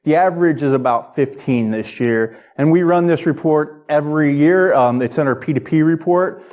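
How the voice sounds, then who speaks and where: A man's voice: a little high, moderate pace, darkish tone. A man presenting an informal technical lightning talk to an audience as a conference speaker, in a conversational way that checks in with listeners. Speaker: conference speaker, security research director.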